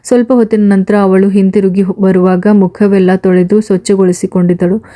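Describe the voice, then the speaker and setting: A woman narrates a serialized audiobook story. Her pitch stays flat and level, and her tone is mellow and dark. The delivery is steady and measured.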